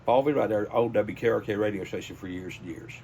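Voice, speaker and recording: An older man with a Southern US accent, a high school sports PA announcer, is being interviewed and tells stories in a casual, folksy, anecdotal way. His voice is lowish and darkish, and he talks fast. The recording is muffled, with slight background noise.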